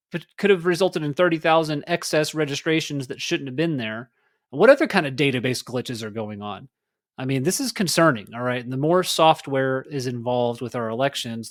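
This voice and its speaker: A man's voice: a little high, no room sound, clean studio sound. A man from Texas hosting his own podcast, talking casually about politics and daily life in a rambling way with many fillers. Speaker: podcast host. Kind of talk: casual solo political talk.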